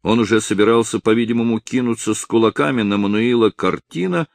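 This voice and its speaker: Low-voiced male audiobook narrator. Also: quick pace, gravelly, no echo. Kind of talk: scripted narration.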